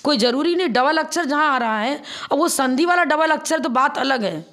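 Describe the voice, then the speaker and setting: A woman nun delivers a scriptural lesson in a high, gravelly voice. She explains the recitation step by step, sometimes slowing down to chant the verses. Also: animated, fairly bright tone. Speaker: Jain nun teacher. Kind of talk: religious discourse.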